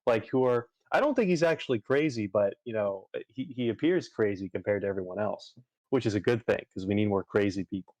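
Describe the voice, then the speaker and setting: A man's voice: fairly low pitch, fairly quick, a little mellow, dry recording. A man chatting casually on a livestream, rambling with lots of fillers and restarts. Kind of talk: casual chat while gaming on a livestream.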